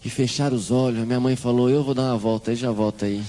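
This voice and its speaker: A man's voice: medium pitch, steady tone, quick pace, warm tone, a little hiss or hum. A man with a Brazilian Portuguese accent gives a humorous testimony to a congregation, acting out the voices of the people in his story. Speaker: church testimony speaker.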